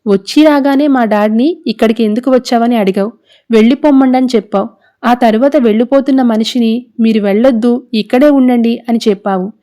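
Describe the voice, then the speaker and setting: A woman's voice: a little high, brisk, dark tone, lightly acted. A woman reading the lines of a scheming young female rival in a serial recap, in a sarcastic, accusing manner. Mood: taunting.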